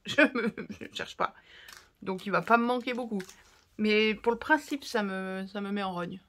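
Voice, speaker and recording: A French woman showing her craft haul, talking casually to her viewers and reacting to each item. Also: a little high. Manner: chatty and expressive, talks to viewers while unpacking. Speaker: craft vlogger. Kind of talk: casual haul chat to camera.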